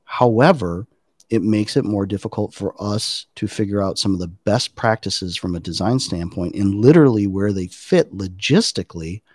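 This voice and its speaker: A man's voice: on the low side, animated, normal speed, a little mellow, husky, no room sound. A middle-aged man talking casually as a podcast guest, explaining things thoughtfully with loose fillers and restarts. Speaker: podcast guest, design practitioner.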